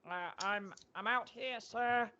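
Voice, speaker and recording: Man voicing a timid skinny homeowner, stammering, raised pitch, lo-fi sound. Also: slow, sharp tone, exaggerated voice. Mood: nervous. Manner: stammering, hesitant. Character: timid skinny male house owner.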